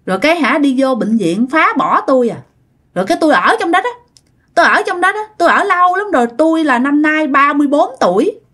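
A resentful wandering ghost of a child who was never born, as a woman storyteller puts him on, speaks with a Southern Vietnamese accent. His voice sits high and thin, and he circles back over the same plaintive words again and again. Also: big pitch swings, quick pace, a bit bright. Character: jealous wandering male spirit of an unborn child.

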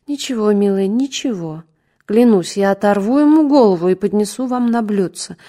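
A woman's voice: mid-range voice, animated, moderate pace, mellow, lightly acted. A woman voicing a brusque middle-aged male doctor who scolds sternly and fusses over a patient in a fatherly way. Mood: soothing. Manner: stern then fussing, fatherly.

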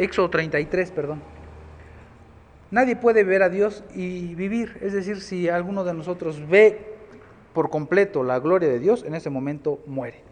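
Brief: male pastor, high voice, sermon with swings from hushed to loud, long hall reverb. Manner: animated preaching, dropping soft then rising loud.

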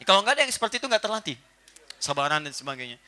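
A man preaching to a gathered audience, his voice rising high and swinging widely in pitch. His tone is very bright and sharp. He is playful and acts out small everyday scenes as he talks. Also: rapid-fire. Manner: animated, playful, acts out little household scenes. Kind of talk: religious lecture to a live audience.

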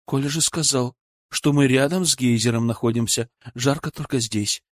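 A man's voice: medium pitch, moderate pace, no room sound, clean studio sound, close to an everyday voice. A man reading the lines of a soothing woman reassuring a friend.

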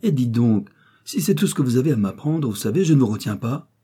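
A man voicing a shrewd, greedy old female secondhand-clothes dealer in an audiobook reading, haggling and quick to take offense. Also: on the low side, mellow, slightly rough. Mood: indignant.

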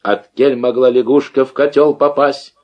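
A man's voice: medium pitch, fairly even intonation, normal speed, lo-fi sound, voice pushed up, natural voice. A man voicing a menacing Cossack who asks questions ominously, in an audiobook. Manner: growling, ominous. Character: menacing male Cossack farm leader.

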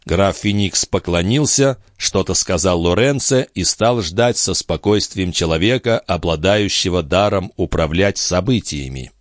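A man narrating an audiobook with expressive storytelling. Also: low voice, a little slow, few pauses, dry recording, clean studio sound.

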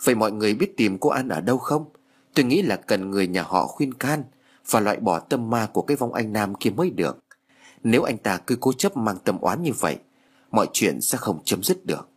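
A male narrator voicing a grave middle-aged exorcist master who questions calmly. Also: lowish voice, brisk, breathy edge.

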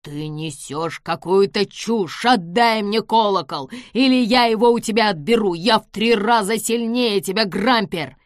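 Woman voicing a forceful angry man. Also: fairly low pitch, animated, slow, no echo, clean studio sound. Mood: demanding. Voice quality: forceful, demanding. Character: angry determined grown man demanding.

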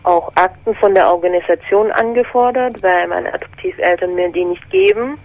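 A woman's voice: mid-range voice, animated, moderate pace, vocal fry, darkish tone, no echo, low-quality recording. A woman in her twenties from Korea, calling a radio show by telephone and speaking hesitantly with frequent fillers. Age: 20s. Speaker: caller.

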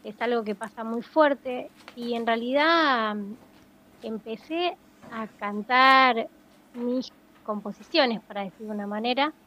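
A woman singer-songwriter talks in a casual phone interview, searching thoughtfully for her words. Her voice is a little high, pushed and bright, and she speaks unhurriedly. The phone line makes the sound dull and dry.

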